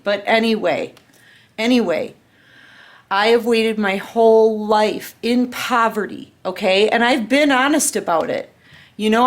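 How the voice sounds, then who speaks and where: Earnest tarot reader in her fifties, a woman, mid-pitched, talks straight to her viewers and keeps checking in. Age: 50s. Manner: earnest, repeats "okay?" and "right?" often. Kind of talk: casual spiritual reading to camera.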